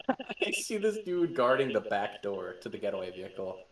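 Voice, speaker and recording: A man's voice: lowish voice, measured pace, distant mic. A young man hosts a casual podcast and tells tabletop game stories, his voice swinging up and down as he laughs and swears through them. The room sounds echoey, and he sits well back from the mic. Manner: laughing, swearing, excitable storytelling. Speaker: podcast host and game master. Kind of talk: casual chat.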